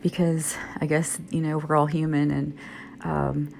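A woman's voice: little pitch movement, unhurried, a little mellow, a little hiss or hum. A middle-aged woman with a groggy, sleepy voice, talking candidly and confidingly in a rambling, hesitant monologue. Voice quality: low, creaky. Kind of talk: intimate, candid personal monologue. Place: in bed at night, indoors.

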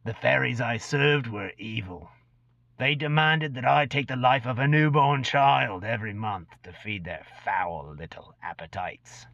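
This dull lo-fi clip, made in an echoey room, has a man performing a fantasy tale as an ancient, gaunt, cursed goblin who once killed and feels no remorse. Grim and boastful, he broods like a storyteller over his dark deeds, in a gravelly, unhurried, mid-range voice raised above his natural pitch.

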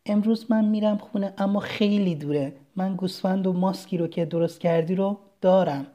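A reader voicing a gentle, earnest young boy prince from a tiny planet in a storybook reading. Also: medium pitch, fairly even intonation, natural voice. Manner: soft, earnest and kind.

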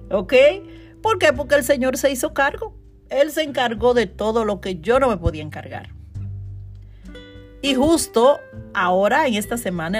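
A woman. She hosts a motivational podcast as a coach and talks in an animated, chatty way, laughing often. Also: mid-range voice. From Dominican Republic. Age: 40s.

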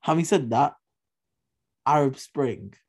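A man's voice: mid-range voice, lively intonation, takes it slowly, slightly rough. A man hosting a history podcast, talking in an emphatic, opinionated way, repeating points for stress and swearing casually. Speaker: podcast host.

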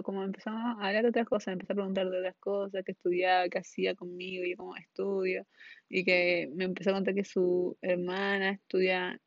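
A woman's voice: fairly low pitch, dry recording, lo-fi sound. A young woman with a Chilean accent tells a personal story in a casual monologue, rambling, scattered, full of slang and frequent laughter. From northern Chile. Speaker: podcast host.

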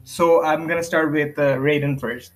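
A man's voice: on the high side, steady tone, normal speed, slight background noise. A man hosting a casual podcast chat, teasing his friends and laughing often. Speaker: podcast host.

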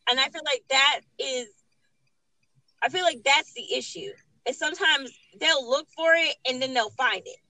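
A woman's voice: high voice, moderate pace, pushed and bright, dry recording, poor audio. A woman in a casual conversation, agreeing and building on the other speaker's points.

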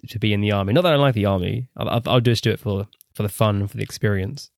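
A man's voice: on the low side, rapid-fire, gravelly, no echo, studio quality. A young man with an English accent hosting a casual podcast chat, rambling through his thoughts with many restarts. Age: young adult. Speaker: podcast host.

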